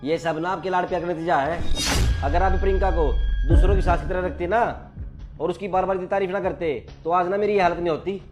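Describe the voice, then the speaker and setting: A man's voice: high-pitched, steady tone, brisk, over music, close to an everyday voice. A man playing a sulking angry husband. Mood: irritated. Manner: complaining, resentful. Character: angry young husband complaining to his mother. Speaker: son and husband. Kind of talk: family drama short.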